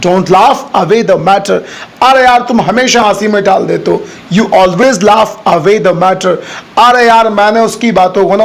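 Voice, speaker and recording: High-voiced man teaching spoken English. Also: gravelly. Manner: repeats English phrases slowly and deliberately for learners.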